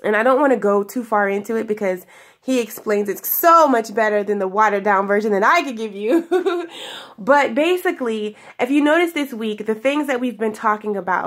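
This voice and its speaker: Speaking to a camera placed before her, this spiritual vlogger offers viewers a laid-back daily message at a medium pitch. Sinus trouble makes her young voice sound congested, and she comes across as warm and giggly, drawing each phrase out.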